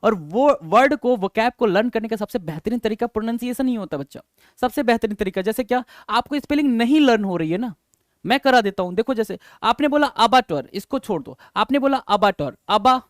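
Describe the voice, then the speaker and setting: A man's voice: high-pitched, no echo, studio quality. A man teaching English vocabulary in a coaxing, repetitive manner, often calling his learners sir and brother. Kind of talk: vocabulary lesson.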